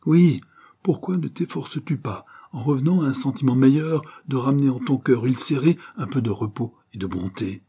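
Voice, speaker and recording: A man's voice: medium pitch, moderate pace, mellow, breathy edge, voice pushed up. A man voicing a stern, wrathful older former convict who accuses in a thundering way, read as an audiobook. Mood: accusing. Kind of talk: audiobook reading.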